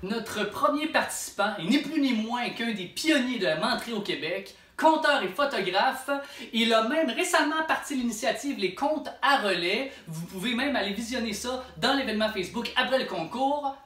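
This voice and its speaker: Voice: medium pitch, animated, moderate pace, fairly bright tone. A contest host with a Quebec French accent, presenting in a playful, theatrical comic style. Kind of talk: comic hosting of a storytelling contest. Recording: roomy, distant microphone.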